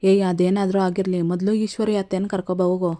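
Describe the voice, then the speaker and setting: Woman as sharp, impatient middle-aged relative. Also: medium pitch, little pitch movement, fast, close to an everyday voice. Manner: impatient, pointed.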